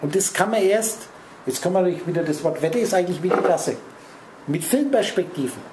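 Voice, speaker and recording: A man holds forth on a spiritual theme, talking directly to a small audience and jumping between words and their letters. His voice is dark and mellow. The room echoes around him. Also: sits high, animated, brisk, slight background noise. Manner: rambling, addresses listeners directly with wordplay. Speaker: lecturer. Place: lecture room.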